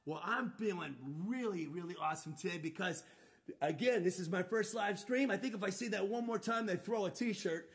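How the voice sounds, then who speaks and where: A man's voice: high-pitched, normal speed. A man performing as a children's musician, leading a playful, upbeat live-streamed sing-along for kids. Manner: playful, upbeat, calls out to young listeners. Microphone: live-stream microphone. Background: loud acoustic guitar.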